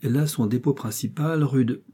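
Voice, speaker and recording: A man reading an audiobook voices a smug young lace-shop clerk with pompous, overly polite salesman talk, a little higher than his own voice. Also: fairly quick, dark tone, slightly rough, natural voice.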